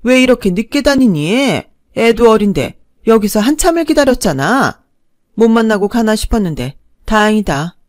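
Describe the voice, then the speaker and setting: A woman voicing a pushy, shameless older stepmother-in-law who nags and wails loudly. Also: on the high side, very animated, moderate pace, dry recording, studio quality. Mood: scolding. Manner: loud, wailing, nagging.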